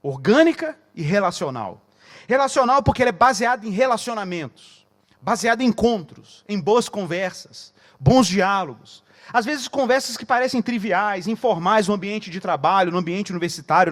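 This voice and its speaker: A man with a Brazilian Portuguese accent preaching as a pastor at a conference, telling stories and acting out conversations in a quieter voice. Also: sits high, animated, moderate pace. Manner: storytelling, acts out dialogue in a quieter voice. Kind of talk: conference sermon. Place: conference hall.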